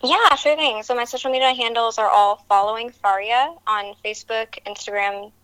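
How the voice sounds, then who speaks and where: A woman's voice: a little high, fairly even intonation, moderate pace, bright, forceful tone, clean tone, rough recording. A woman talking as a guest on a podcast, upbeat and chatty, laughing easily. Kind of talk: casual chat.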